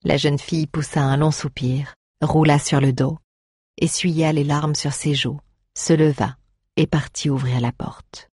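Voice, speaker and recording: Husky voice, measured story narration. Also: mid-range voice, fairly even intonation, darkish tone, dry recording, clean studio sound. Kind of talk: scripted audiobook narration.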